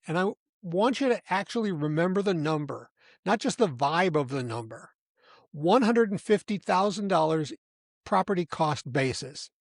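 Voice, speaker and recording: A man hosting a podcast, giving a scripted explainer in an emphatic, deliberate way and slowing down to stress key points. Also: a little high, no echo, clean studio sound. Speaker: podcast host.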